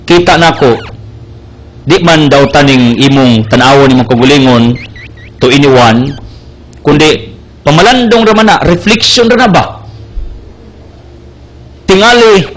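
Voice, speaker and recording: Earnest young preacher, slow. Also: male voice, a little high, a little hiss or hum. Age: young adult. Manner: earnest, emphatic, mixing English into his preaching. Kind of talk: sermon.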